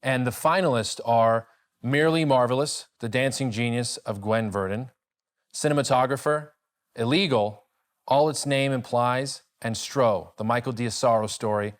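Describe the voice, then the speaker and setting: A man with a mid-range voice presents an award. He reads the list of nominees plainly, in an even, steady voice. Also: mid-range voice, moderate pace.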